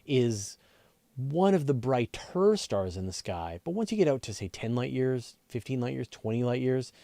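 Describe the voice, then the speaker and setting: A man hosts a live question-and-answer show about space and astronomy, explaining things casually and thinking aloud as he talks. His medium-pitched voice is mellow, with no echo.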